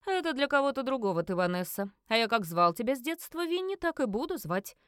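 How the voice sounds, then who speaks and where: A woman voicing a calm, condescending middle-aged male inquisitor and father in an audiobook, speaking slowly. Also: a little high, clean tone, dry recording, clean studio sound, pitched above the performer's own voice. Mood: mock stern.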